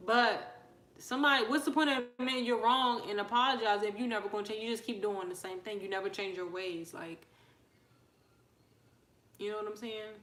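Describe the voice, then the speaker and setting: This host's voice is medium in pitch, fairly even in intonation and a little fast, heard in an echoey room. She runs a casual livestream, chatting and asking viewers questions, reading their comments and greeting anyone new.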